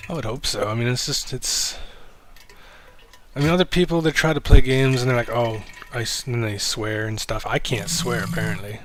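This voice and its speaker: A man's voice: normal speed, background noise. Rambling, swearing livestream host guy. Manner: rambling, self-deprecating, swears casually; low-key, speaks of himself as monotone. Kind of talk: casual livestream chat.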